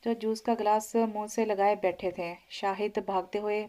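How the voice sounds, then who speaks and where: A woman's voice: medium pitch, fairly even intonation, moderate pace, mellow. A woman reading an audio novel aloud, often stumbling and correcting herself. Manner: frequent slips and self-corrections.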